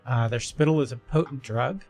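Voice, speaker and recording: A man running a tabletop game as game master, talking haltingly with many fillers. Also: medium pitch, darkish tone, faint music behind. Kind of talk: describing a creature in a tabletop game.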